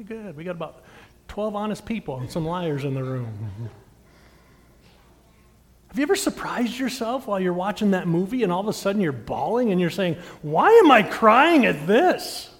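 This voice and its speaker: A middle-aged man preaching a sermon as pastor, addressing the congregation directly and swinging between loud, emphatic lines and hushed, intimate ones. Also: high voice. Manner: talks directly to the congregation with questions. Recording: long reverb of a large hall.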